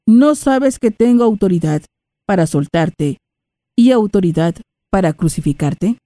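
A woman's voice: medium pitch, animated, measured pace, dark tone, dry recording, natural voice. A woman reading the part of Pilate, a stern male Roman governor, in a raised, questioning voice.

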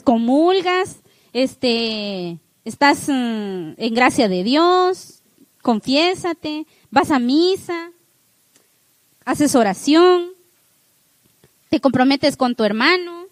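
Middle-aged woman, high voice, preacher with a homely, lively delivery, close dry sound. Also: no room sound. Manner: lively, homely, with frequent "¿sí?" check-ins. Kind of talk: church talk to a congregation.

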